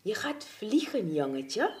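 A bossy, wounded male stork from a children's storybook, voiced by a woman reader. He barks orders and urges the listener on. His pitch swoops widely and his words come slowly and deliberately. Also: very animated, darkish tone. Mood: commanding. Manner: commanding, urgent calls.

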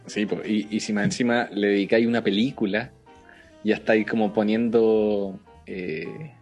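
A man's voice: fairly low pitch, steady tone, moderate pace, darkish tone, faint music behind. A man with a Chilean accent chatting casually about a film and acting out its characters' lines as he retells scenes.

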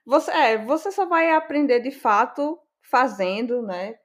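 A Brazilian woman co-hosting a podcast, speaking in a relaxed, conversational way. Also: sits high, measured pace. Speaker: podcast co-host. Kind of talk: casual conversation.

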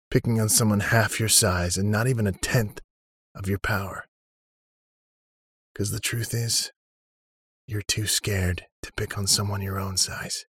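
A man's voice: lowish voice, a bit bright, husky, no echo, pitched above the performer's own voice, full character voice. Man doing a cocky, taunting young hero. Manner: mocking, sarcastic, defiant. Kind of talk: audiobook character reading.

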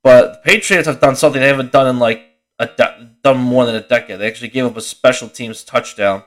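A young man hosts a casual podcast on his own, worn out and yawning between thoughts. He rambles, restarts his sentences and swears freely, in a voice of ordinary middle pitch. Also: fast. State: tired, yawning. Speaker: podcast host. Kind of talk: casual solo sports podcast.

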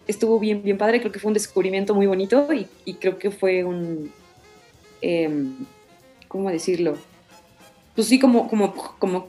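A voice actress, talking casually in an interview and acting out the quotes in her story. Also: mid-range voice. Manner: animated, many fillers, acts out quotes.

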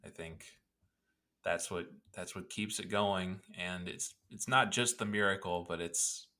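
Man, podcast co-host, very low voice, bright tone, rambling, joking. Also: measured pace. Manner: rambling, joking, self-deprecating. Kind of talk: casual chat.

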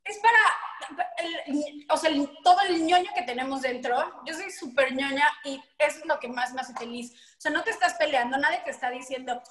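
High-voiced Mexican woman, laughing storyteller. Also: a little fast, reverberant. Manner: animated storytelling, laughing often. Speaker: guest. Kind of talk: casual chat.

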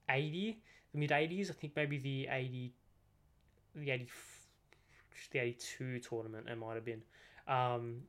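Teenage lad with a slight lisp. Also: male voice, medium pitch, a bit bright, clear, resonant tone. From Australia. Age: teens. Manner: rambling, self-correcting, chatty. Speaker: podcast host. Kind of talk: casual solo football podcast. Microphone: desk microphone.

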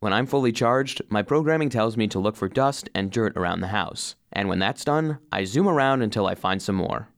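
A male narrator reads a scripted first-person children's story as if he were an earnest robot vacuum, loyal and slightly anxious. His fairly low voice is expressive and a little fast, with hardly any pauses, captured close and dry with no room sound, in an earnest storytelling mood.

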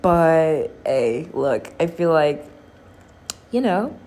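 Low-voiced young woman rambling casually. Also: very animated, darkish tone. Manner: rambling, filler-heavy, cusses freely, quick laughs. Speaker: podcast host. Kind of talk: casual solo podcast chat.

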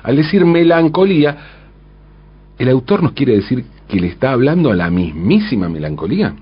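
A man with a medium-pitched, sing-song voice and a breathy edge works through a song's lyrics at a moderate pace, and the sound is lo-fi. He comments thoughtfully, often tossing in a rhetorical "¿no?" and correcting himself. It's a measured, reflective spoken analysis.

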